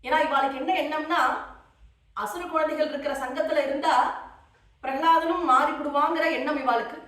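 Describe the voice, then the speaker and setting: Sex: woman. Role: religious storyteller. Style: devotional story discourse, animated, with chanted verses. Pitch: high. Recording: very echoey hall, speaker far from the mic. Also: normal speed.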